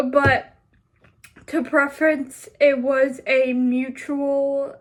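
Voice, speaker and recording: A young woman vlogging casually, rambling in a halting way with many fillers and restarts. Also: high voice, flat delivery. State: sleepy, just woke up. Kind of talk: casual personal vlog.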